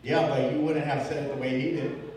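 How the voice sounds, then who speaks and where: A young male pastor giving a relaxed, conversational Bible teaching, asking the room questions and chuckling often. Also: mid-range voice, fairly quick. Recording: echoey hall from far off.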